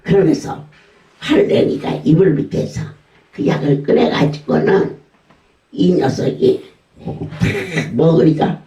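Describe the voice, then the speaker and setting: A man's voice: a little high, slow, long pauses, mellow. A male pastor, telling folksy stories in a sermon and mimicking voices. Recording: echoey room, voice from far off.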